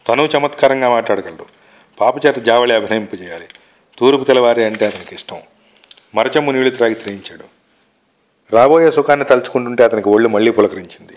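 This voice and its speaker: A man reading a short story aloud in a measured, unhurried way. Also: medium pitch. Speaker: reader of short stories. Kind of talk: literary narration.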